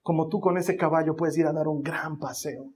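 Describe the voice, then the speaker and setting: This preacher's voice is a little high and brisk. His sermon centers on a family story, told with animation as he performs each character's voice himself.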